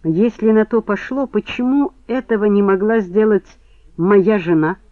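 A man's voice: high-pitched, moderate pace, dry recording, pitched above the performer's own voice, natural voice. A man reading the part of an edgy, defensive man suspected of murder, snapping irritably. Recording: tinny phone-like band, dry.

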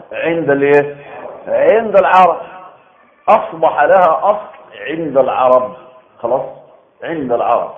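A man with an Egyptian accent giving a colloquial religious lecture, animated, asking the audience rhetorical questions and answering them himself. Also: a little high, narrow, tinny audio. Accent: Egyptian Arabic. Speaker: preacher giving Quran commentary.

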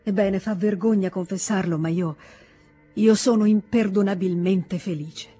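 Tender young noblewoman voiced by a woman reader, earnest, confiding, mellow voice, faint music behind. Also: medium pitch, fairly even intonation, a little slow, slightly rough. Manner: earnest, confiding, gently pleading. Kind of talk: audiobook character voice.

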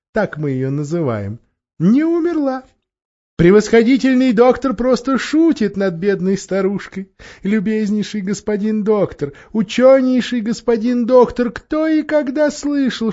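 A man's voice: high-pitched, dark tone, muffled recording, pitched above the performer's own voice. A man voicing a fawning old hag with a thin, whining voice, in an audiobook.

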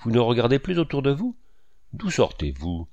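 A fussy old society lady chatters in rushed, tumbling phrases, as a male reader puts her on. She loses her thread and repeats herself, her voice swooping up and down with a gravelly edge underneath. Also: medium pitch, wildly swooping pitch, a little mellow, muffled recording. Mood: fussy gushing.

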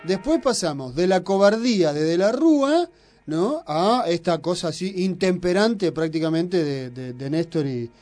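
High-pitched and animated, this man talks at a normal speed in a slightly mellow voice over soft background music. Hosting a radio show in Argentine Spanish, he teases his co-host and delivers long, provocative, argumentative political lectures.

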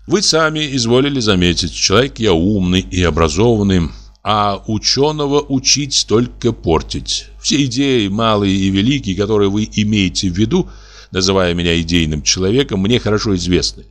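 A man reading aloud voices a cold, ironic male official who talks in a measured, lecturing way. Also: on the low side, expressive, close to an everyday voice. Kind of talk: audiobook reading.

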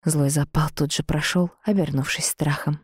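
A woman reading a first-person story aloud in a lively, expressive way. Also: sits low, moderate pace, breathy edge, no room sound, studio quality. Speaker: audiobook reader.

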